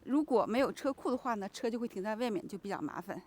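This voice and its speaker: Some hiss or hum accompanies this woman's slightly high, somewhat mellow voice, which is expressive and quick. Filming on a handheld camera for her own channel, she chats while heading through the snow to a home and then poses interview questions.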